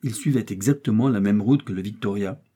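Husky dark-voiced male narrator. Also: fairly low pitch, fairly quick. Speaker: audiobook narrator. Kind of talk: scripted narration.

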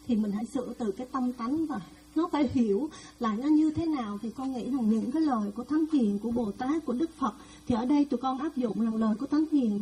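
A woman's voice: high-pitched, dark tone, rough recording. A woman lay follower speaking respectfully to monastics, sharing her practice in an earnest, humble way.

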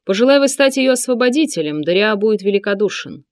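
A woman reading an audiobook, voicing a captive male nobleman who answers calmly and defiantly. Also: medium pitch, fast talker, no echo, clean studio sound, lightly acted. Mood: cool. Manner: calm, cutting, defiant.

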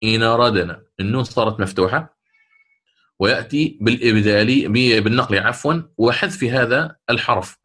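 A male teacher gives a methodical lesson on recitation rules. He repeats key points and breaks into short chanted examples. His voice sits at an ordinary middle pitch. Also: a bit bright. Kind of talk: lecture on Quranic reading rules.

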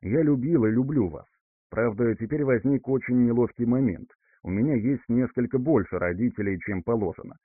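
A male reader voicing a composed young man calmly breaking news to his parents, recorded dry with a narrow, phone-like sound. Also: medium pitch, moderate pace, no echo, natural voice. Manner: composed, level-headed. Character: calm reborn young man returning home.

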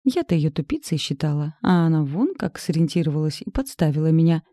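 A woman's voice: deep voice, big pitch swings, a little fast, mellow, no room sound, studio quality. A woman voicing a tipsy, defiant young woman snapping back. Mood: grumbling.

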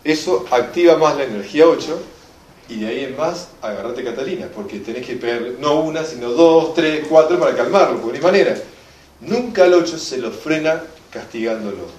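Rioplatense teacher in an echoey room. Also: male voice, medium pitch, fairly quick, a little hiss or hum. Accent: Rioplatense Spanish. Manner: lively, emphatic, asks the audience for agreement. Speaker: enneagram teacher. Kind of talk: lecturing a class. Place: classroom or hall with a live audience. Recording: echoey room, mic from a distance.

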